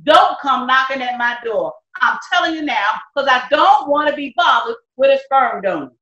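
A woman's voice: high voice, animated, moderate pace, pushed and bright. A woman playing a bitter grown daughter about to marry, speaking in a scornful, emphatic way. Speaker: church skit actor. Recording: echoey, dull lo-fi sound.

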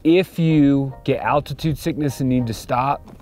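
A man's voice: medium pitch, steady tone, a little slow, over music. A man hosting an outdoor vlog, narrating casually and with enthusiasm from a mountain campsite into a handheld camera mic. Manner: chatty, enthusiastic. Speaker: vlog host.

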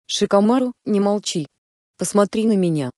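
A woman voicing a young fiancée who is hurt and fierce, sharp when angry. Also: medium pitch, animated, normal speed, dry recording, studio quality, lightly acted. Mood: worried. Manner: cold then furious.

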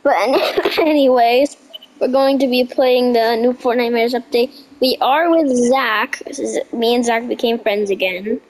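A young woman with a stuffy nose from a cold, chatting excitedly over gameplay and stumbling while reading text aloud. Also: a little high, a little hiss or hum, low-quality recording. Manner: excitable, reads on-screen text aloud haltingly. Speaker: gaming youtuber. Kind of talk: casual gameplay commentary.

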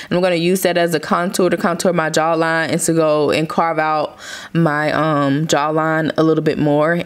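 A young woman casually narrating her makeup routine step by step, chatty and relaxed. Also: on the low side, clear, resonant tone. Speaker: beauty vlogger. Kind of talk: makeup tutorial voice-over.

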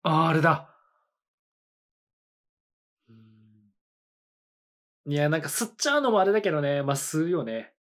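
A man in his thirties hosts an anime reaction video from a small indoor studio, thinking out loud with quick reactions and laughter. His voice sits a little high and sounds slightly bright and expressive. He speaks unhurriedly and pauses often in this casual reaction commentary.

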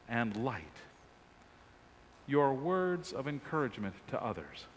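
Lively male pastor preaching in a reverberant church. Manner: emphatic preaching with wide swings of pitch and volume, gesturing. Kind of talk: sermon. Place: large church sanctuary, at a lectern.

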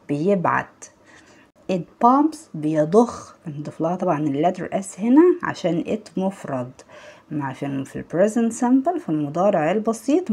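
In this online lesson for young children, an English teacher with an Egyptian accent speaks in a fairly low, slightly mellow voice with a breathy edge. She goes over words patiently and offers her pupils praise.

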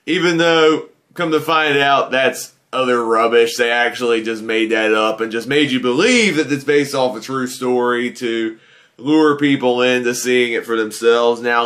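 This man in his thirties, a guest movie reviewer, talks through a film from his desk webcam, posed indoors before a green-screen backdrop. His mid-range voice sounds pushed and bright, and his manner stays casual and earnest, with filler phrases such as "you know" sprinkled throughout.

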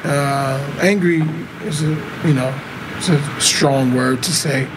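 A man in his thirties, a basketball player giving short, low-key answers at a postgame press conference into a table mic. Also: slow, noisy background. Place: press conference room in front of a sponsor backdrop. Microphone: table microphone in front of him.

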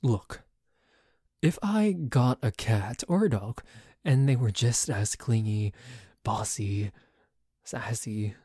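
In an ASMR roleplay audio drama, a man plays a dorky, jealous boyfriend who complains in a stammering, exasperated, defensive way, sometimes dropping toward a whisper. His medium-pitched voice is mellow and husky, slow with long pauses, in a dry, studio-quality recording.

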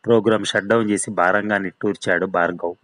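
A man narrating a thriller story in a steady storytelling manner. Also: on the low side, quick pace, dry recording, rough recording. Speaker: story reader.

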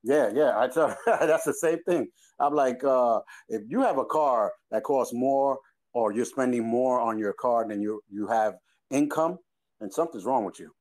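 A man in his twenties with a New York accent co-hosts a casual podcast chat in a mid-range voice at a moderate pace. He tells stories, quoting people with animated laughs.

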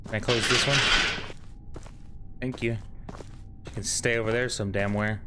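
A man's voice: lowish voice, steady tone, measured pace, heavy background noise. A man in his thirties giving scared, joking, sweary commentary as he streams a horror game, on a close mic. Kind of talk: casual gameplay commentary with swearing.

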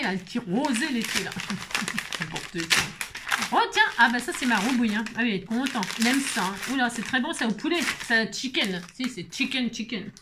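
A woman chatting casually while opening her mail, exclaiming at each item and now and then dropping into high baby talk to her pet. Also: noisy background. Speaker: craft vlogger opening mail. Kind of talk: casual chat unboxing mail. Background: paper crinkling and clicks.

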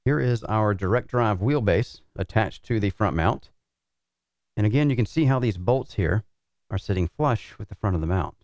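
A middle-aged man, the show's reviewer, calmly walking through assembling a racing cockpit in his workshop, talking practically as he works. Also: lowish voice, normal speed, no room sound. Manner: relaxed, practical explaining while working with tools. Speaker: sim racing equipment reviewer. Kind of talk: hands-on product setup walkthrough. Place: large indoor workshop with concrete floor.

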